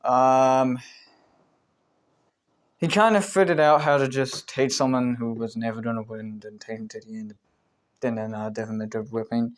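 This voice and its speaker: A man's voice: medium pitch, steady tone, moderate pace, pauses often, no room sound. A man ranking show contestants in casual commentary. He rambles, swears casually, and often trails off and restarts his sentences. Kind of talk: casual commentary while making a tier list.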